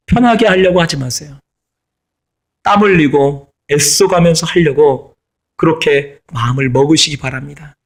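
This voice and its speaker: Emphatic middle-aged male pastor preaching. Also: a little high. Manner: emphatic, repeats key phrases. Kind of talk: sermon.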